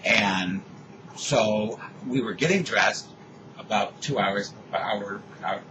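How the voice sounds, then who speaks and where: An older man telling a rambling story in casual chat, animated when he acts out what people said. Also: on the low side, slow, background noise.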